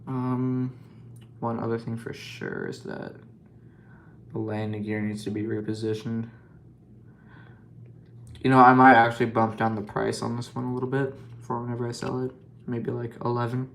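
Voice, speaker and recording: A man with a gravelly, middle-pitched voice talks casually as he works on a scale model, wandering from point to point and joking at his own expense. His speech is loose and full of fillers, and faint room noise sits under it. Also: little pitch movement, normal speed, pauses often. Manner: rambling, self-joking, lots of fillers. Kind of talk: casual hobby vlog commentary.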